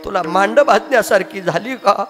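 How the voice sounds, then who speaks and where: A man's voice: high-pitched, moderate pace, a bit bright. A man voicing a young saint, an elder brother who cries out urgently for his little sister, in an echoey hall with faint music. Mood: tender. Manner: crying out, urgent.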